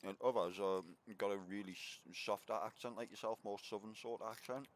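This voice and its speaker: A man's voice: fairly low pitch, fairly even intonation, a little fast, a little hiss or hum. A man from Northumberland with a mixed Northumbrian and Geordie accent, talkative, laid-back and sweary, chatting casually while gaming online. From Northumberland, England. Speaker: game streamer.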